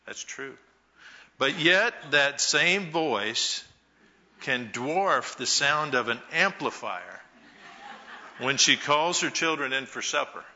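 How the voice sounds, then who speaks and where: A man giving a Mother's Day talk to a church congregation, telling folksy stories with pauses. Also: mid-range voice, animated, pushed and bright, dull audio. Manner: slow, folksy storytelling with pauses. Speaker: church speaker.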